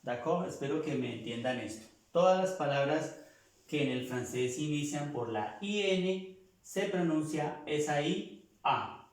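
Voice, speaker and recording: A man teaching a language class, slowly repeating and sounding out each word for his students. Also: fairly high pitch, animated, heavy reverb. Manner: slow, repeats words, sounds them out. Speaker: French teacher.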